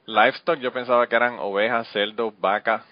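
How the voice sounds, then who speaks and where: Man, podcast host, quick chatty talk, dry close sound, dull lo-fi audio. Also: medium pitch, steady tone, dry recording. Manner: fast-talking, laughs often. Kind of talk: casual chat.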